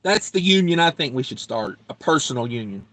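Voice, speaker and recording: A man's voice: mid-range voice, big pitch swings, a little fast, a bit bright, no echo. A man hosting a casual trucker livestream, rambling and joking as he reads viewer comments aloud. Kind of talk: casual live-stream chat.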